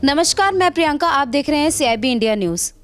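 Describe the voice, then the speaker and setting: A woman anchors a news interview and introduces her guest. She presents in a formal way, with a fairly high voice. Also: lively intonation, quick pace, music in the background.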